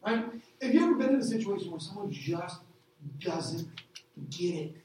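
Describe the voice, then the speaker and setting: A man's voice: high voice, animated, normal speed, darkish tone. Middle-aged pastor guy preaching, acts out voices, lots of questions, echoey hall, faint room noise. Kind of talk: sermon. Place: church hall. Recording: echoey hall, distant mic.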